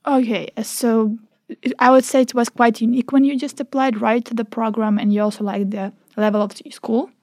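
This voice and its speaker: A woman's voice: fairly high pitch, flat delivery, a little fast, darkish tone, no echo, clean studio sound. Woman from Ukraine hosting a podcast. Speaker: podcast host. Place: small studio.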